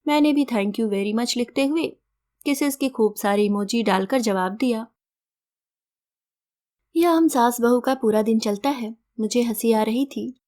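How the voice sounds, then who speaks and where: A woman storyteller reading a first-person story aloud in a gentle, reflective, measured way. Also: on the high side.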